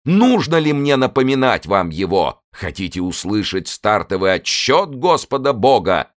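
A man's voice: fairly low pitch, very animated, measured pace. A man reading an audiobook, voicing a fiery male evangelist preacher who leads a crowd in sweeping, preacherly tones. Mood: preaching. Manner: sweeping, preacherly, rising to shouts.

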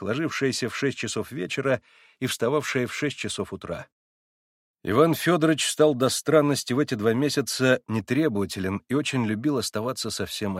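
A man's voice: medium pitch, no echo, clean studio sound. Man narrating an audiobook. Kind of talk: scripted narration of a classic novel.

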